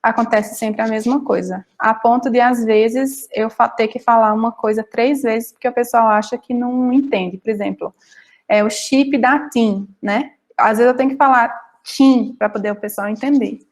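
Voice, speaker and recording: Her voice sits a little high, with fairly even intonation and a moderate pace. She's a guest panelist in an online panel with a Northeastern Brazilian accent, telling her own experience in a casual, informal way and frequently groping for the right word.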